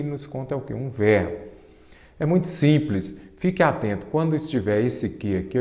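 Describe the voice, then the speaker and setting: A Brazilian man teaching Portuguese for an exam, asking his own questions and answering them, drawing out key terms slowly. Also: lowish voice, dark tone, echoey room, in a large hall. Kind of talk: exam-prep lecture.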